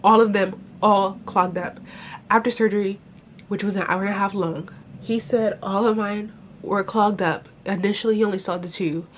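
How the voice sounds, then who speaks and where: A woman's voice: medium pitch, fairly even intonation, moderate pace, a little hiss or hum. A young adult woman with a congested, blocked-nose sound, talking candidly and informally in a casual personal vlog, complaining with some mild swearing. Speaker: vlogger.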